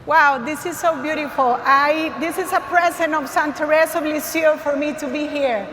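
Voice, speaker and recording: Her voice sits high and stays steady at a normal speed as this Costa Rican woman, speaking with a Costa Rican Spanish accent, passionately shares her faith testimony and calls out to a large crowd. She is on a large arena stage, and the recording has background noise, long hall reverb and faint ambience.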